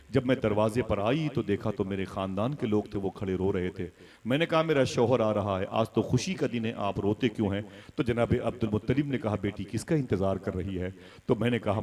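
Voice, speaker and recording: A man from India preaching a fiery religious sermon. He tells the story dramatically, builds to loud cries, and leads the crowd in call-and-response. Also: lowish voice.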